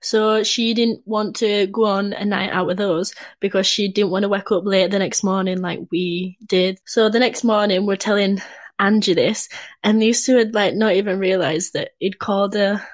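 A woman co-hosts a podcast in casual chat. She tells her story slowly and haltingly, and her voice sounds dry and close, with no room around it. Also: medium pitch, steady tone, no echo. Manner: unhurried, hesitant storytelling. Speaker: podcast co-host.

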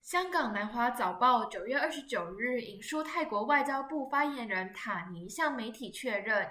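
A woman radio reporter reading a scripted news report in a crisp, formal way. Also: fairly high pitch, pushed and bright, roomy sound.

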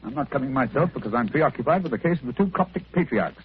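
An actor playing a sharp, sardonic detective who talks in a crisp, dry, cutting way, in 1940s radio acting. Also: male voice, medium pitch, lively intonation, quick pace, natural voice. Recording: tinny old radio broadcast with faint hiss.

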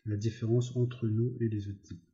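A man's voice: lowish voice, little pitch movement, normal speed, mellow, roomy sound, natural voice. A man reading aloud, voicing a simple-minded, childlike farm worker who pleads eagerly, on a slightly dull recording. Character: simple-minded hulking male farmhand, childlike.

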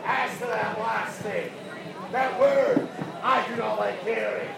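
A man playing a blustering kilted Scottish Highlander in a stage show, declaiming in mock-archaic renaissance fair speech with dramatic pauses. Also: lively intonation. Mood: wounded pride. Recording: distant, noisy outdoor fair crowd, echoey.

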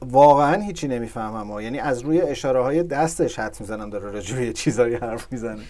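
A man hosting a podcast, chatting casually about football with animated storytelling and frequent laughs. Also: mid-range voice. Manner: animated storytelling, laughs at his own remarks. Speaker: podcast host.

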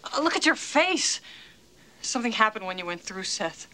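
A woman's voice: medium pitch, sing-song, normal speed, sharp tone. An actress playing a worried young woman urging a man to get help, in a film clip. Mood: alarmed.

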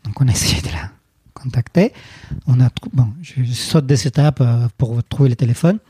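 A man's voice: medium pitch, moderate pace, mellow, husky, no echo. A man in his thirties from Colombia, a guest recounting a personal story hesitantly, with many fillers and restarts, in a dry, close recording. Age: 30s.

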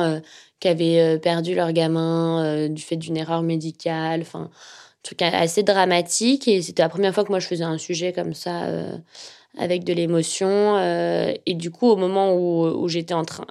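A young woman speaks with a slightly nasal tone pitched a little low. She recounts her experiences calmly, pausing often and filling gaps with hesitations. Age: young adult. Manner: thoughtful, many fillers and hesitations. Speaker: journalist. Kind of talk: casual personal storytelling.

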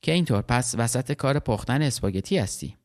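A man voicing a cold, troubled young woman speaking on the phone in a storybook reading, in a flat, chilly tone. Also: medium pitch, close to an everyday voice.

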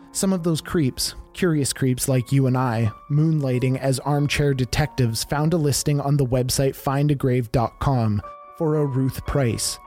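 A man with a dark, mellow tone narrates a scripted mystery podcast. He talks to his listeners as a conspiratorial storyteller sharing creepy tales. Music plays faintly behind his mid-pitched voice.

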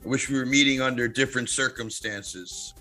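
Lisping male podcast host, bright voice. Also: medium pitch, a little fast, soft background music, rough recording. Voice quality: lisping, slushy s sounds after oral surgery. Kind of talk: podcast intro and interviewing.

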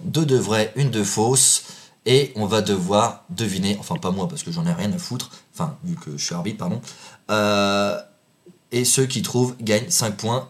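Un jeune homme qui anime un jeu entre amis en tant qu'arbitre, taquin et faussement sévère, riant souvent. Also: male voice, on the low side. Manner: teasing, mock-stern, laughs often. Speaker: game host and referee. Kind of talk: joking quiz banter among friends.

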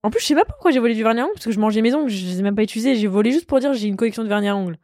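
A woman's voice: fairly high pitch, lively intonation, rapid-fire, mellow, dry recording. Young woman, podcast co-host, playful, slangy, teasing, dry close mic. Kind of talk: casual chat.

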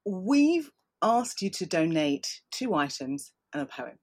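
A woman interviewer asking measured questions in an encouraging way. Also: fairly low pitch, very animated, slightly rough.

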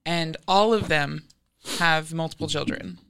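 A woman's voice: sits low, measured pace, gravelly, a bit bright, clear, resonant tone. A woman guest on a podcast, telling family stories in an affectionate, chatty way. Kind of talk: casual chat.

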